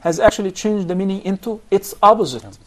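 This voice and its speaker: A man's voice: high voice, a little fast. Man teaching Quran recitation patiently. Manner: patient, explanatory, questions students. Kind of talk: classroom instruction.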